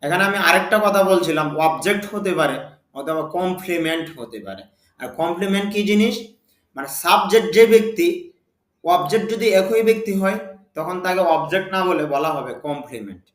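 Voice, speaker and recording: A man giving a spoken English lesson, reading example sentences slowly and asking and answering his own questions. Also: sits high, expressive, reverberant. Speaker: English teacher.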